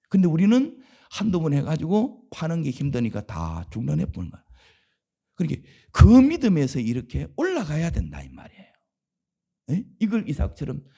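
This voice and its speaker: A middle-aged man, a senior pastor, preaching a dawn revival sermon, asking the congregation questions and swinging from loud calls to hushed asides. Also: medium pitch, vocal fry.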